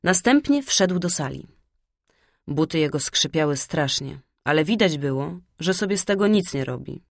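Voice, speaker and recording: A woman narrating a fairy tale in a soft, hushed storytelling manner. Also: sits low, expressive, moderate pace, dry recording, clean studio sound. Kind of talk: storybook reading.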